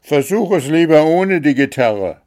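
A man's voice: on the low side, lively intonation, a little slow, a little mellow. A man voicing a fussy, easily exasperated male kobold in a storybook. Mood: shouting, desperate. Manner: exasperated, grumbling. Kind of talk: storybook character voice.

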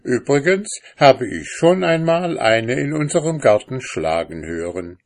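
A stubborn, boastful husband from a storybook, put on by a male reader. His voice sits raised above the reader's own and swings about with insistence, the words drawn out slowly. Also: mid-range voice, animated, pitched above the performer's own voice. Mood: eager. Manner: insistent, boastful, growing heated. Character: stubborn pompous short-sighted husband.

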